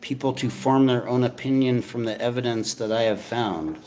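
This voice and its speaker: A man with an average-pitched voice talks casually to his livestream chat. He rambles and argues in loose, informal language. His voice echoes around the room like in a tunnel. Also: moderate pace, a little mellow. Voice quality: echoing, tunnel-like sound. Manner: informal, swearing, rambling argumentative talk. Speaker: streamer. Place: echoey indoor space. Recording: echoing room.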